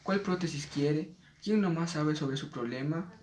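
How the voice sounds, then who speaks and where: A man with a somewhat high voice reads a spelling lesson in a measured way. He slows down for the example words. He sounds a little off the mic, in an echoey room. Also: darkish tone, distant mic. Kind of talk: reading a spelling lesson aloud.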